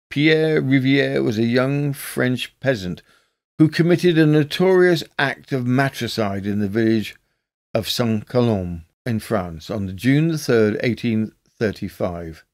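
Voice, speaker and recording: A man narrating a scripted history episode in a measured, documentary-style reading. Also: mid-range voice, darkish tone.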